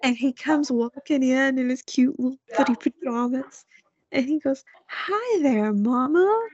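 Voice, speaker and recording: A woman co-hosting a podcast, chatting casually and telling animated stories. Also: sits high, normal speed. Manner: animated storytelling, acts out quoted voices. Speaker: podcast co-host. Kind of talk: casual chat. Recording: dull lo-fi sound.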